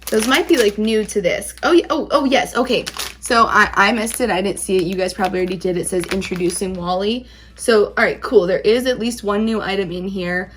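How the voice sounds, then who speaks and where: A woman's voice: medium pitch, a little fast, fairly bright tone, slight background noise. A woman hosting a casual taste-test vlog, talking informally and emphatically in a rambling, conversational way. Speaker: candy reviewer, video host.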